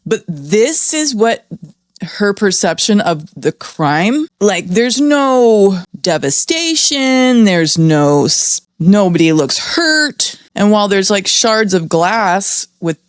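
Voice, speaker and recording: A woman's voice: mid-range voice, big pitch swings, takes it slowly, dry recording, clean studio sound. A woman giving blunt, sarcastic true crime reaction commentary in a casual style, with lots of fillers. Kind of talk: reaction commentary, reading aloud and remarking.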